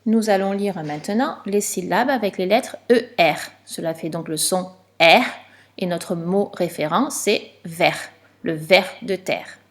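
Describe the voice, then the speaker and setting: A woman teaching a reading lesson to young children, explaining slowly and clearly with patience. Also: on the low side.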